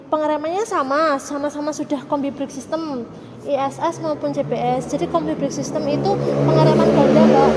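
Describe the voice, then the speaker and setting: A woman speaking as a showroom salesperson in a polite, formal customer service voice. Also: high-pitched. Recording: reverberant, noisy room with vehicle sounds.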